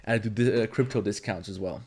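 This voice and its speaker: This Balkan-accented streamer, a native Serbo-Croatian speaker, walks viewers through 3D modeling on a livestream while chatting in a blunt, profane, rambling way. His lowish voice is fast, a little mellow, and slightly rough.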